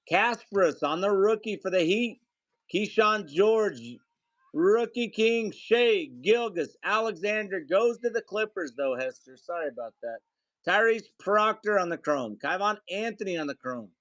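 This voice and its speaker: A man's voice: high voice, expressive, measured pace, a bit bright, dry recording. A man hosting a live card break, reading off player names and calling out the hits to viewers.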